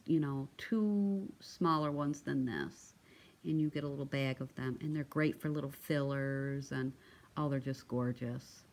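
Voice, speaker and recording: A woman's voice: low voice, darkish tone. A woman showing off craft supplies in a casual vlog, chatty and gushing, with many ums and restarts. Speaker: crafting vlogger. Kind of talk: casual show-and-tell vlog.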